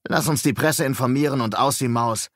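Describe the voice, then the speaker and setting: A man's voice: medium pitch, fairly quick, a bit bright, no echo, studio quality, pitched above the performer's own voice, natural voice. A man voicing a brash, mocking male police detective in an audiobook, with a scornful, needling manner. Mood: contemptuous.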